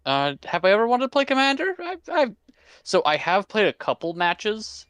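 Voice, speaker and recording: A man chatting casually with a friend on a stream, rambling and animated, swearing now and then. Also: high-pitched, moderate pace, clear, resonant tone, no echo. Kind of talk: casual chat.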